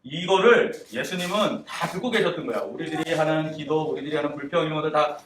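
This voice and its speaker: A man preaches to children in a church room, tossing them questions and acting out little quotes. His voice sits high for a man and is caught from some distance in a reverberant room with a faint hiss underneath. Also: fast. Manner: animated, asks children questions, acts out quotes. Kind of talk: children's sermon. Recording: echoey room, distant mic, faint noise.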